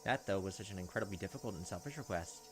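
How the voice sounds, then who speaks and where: Narrating and commenting over a visual novel, a man with a low voice reads the lines rapid-fire and tosses in offhand remarks between them. Background noise is audible.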